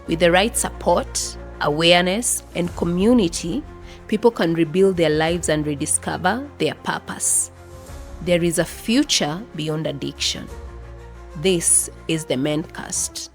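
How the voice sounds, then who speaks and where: A woman narrating a scripted podcast introduction in a measured, earnest way. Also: on the low side, soft background music.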